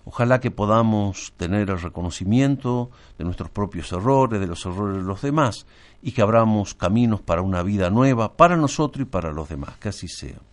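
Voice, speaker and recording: Man, priest, lowish pitch, solemn, measured phrasing, homily and liturgical prayer. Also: expressive.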